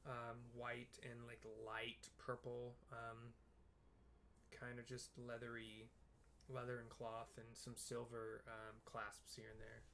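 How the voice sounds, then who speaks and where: A male video game streamer narrates casually, rambling hesitantly and self-deprecatingly about what's on screen. His medium-pitched voice is monotone, slow and a bit bright, with clearly audible background noise.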